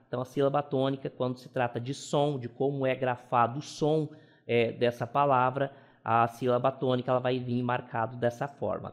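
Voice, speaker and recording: Patient fairly high-voiced male teacher. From northern Brazil. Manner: explains patiently, many checking tags and restarts. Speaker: English teacher. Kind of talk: classroom lesson.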